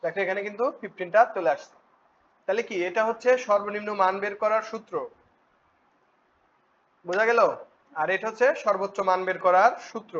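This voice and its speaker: A man teaching a spreadsheet class, often asking students quick check questions. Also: sits high, steady tone, a bit bright. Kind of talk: spreadsheet tutorial. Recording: dull lo-fi recording with faint noise.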